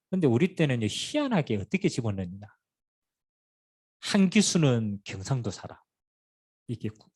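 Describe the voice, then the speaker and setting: A middle-aged pastor with a Gyeongsang accent preaches in a husky, slightly breathy voice. His pitch swings widely as he tells stories, and he fires rhetorical questions and light humor at his congregation. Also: darkish tone. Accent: Gyeongsang Korean. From Pohang, South Korea. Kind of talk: sermon.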